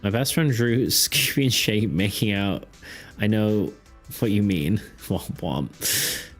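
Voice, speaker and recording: A young man's voice, on the low side and unhurried, drifts through a casual live-stream chat about art and game design. He laughs a lot, leans on fillers, and admits his voice is going, while faint music plays behind him.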